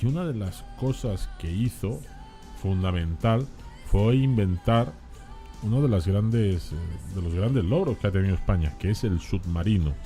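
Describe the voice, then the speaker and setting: Low mellow guy on a radio talk show, chatty, lots of restarts, faint music under. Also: lively intonation, normal speed. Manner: conversational, hesitant with many restarts. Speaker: radio host.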